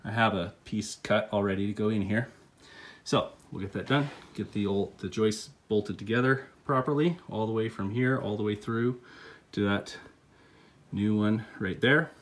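A man in his thirties with a fairly low pitch and normal speed gives relaxed, step-by-step renovation instructions, sprinkled with fillers. He films on a phone camera often held while working, beginning in a car and continuing indoors in a house under renovation.

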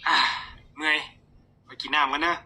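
A man with an Isan Thai accent, hoarse from a cold, casually chatting with viewers on a lottery tips livestream and reading numbers aloud. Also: fairly high pitch, level tone, normal speed, pushed and bright.

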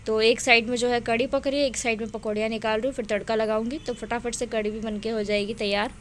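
Woman, thirties, chatty mom vlogger; fairly high voice, phone recording with loud rain noise. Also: little pitch movement, fast. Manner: chatty, repeats words, talks to viewers as friends. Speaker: vlogger, mother. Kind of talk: casual home vlog narration. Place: home, indoors.

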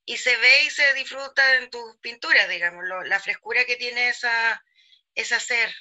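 A woman's voice: a little high, moderate pace, pushed and bright. A woman with a Chilean accent interviewing an artist over a call, friendly and hesitant with many fillers. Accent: Chilean Spanish. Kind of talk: casual remote interview.

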